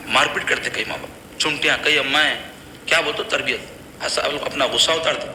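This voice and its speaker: This Islamic preacher speaks in a mid-range voice, pushed and bright, with fairly even intonation. His lecture to a congregation concerns bringing up children, delivered earnestly and admonishingly in plain conversational language, recorded in an echoey hall with faint noise.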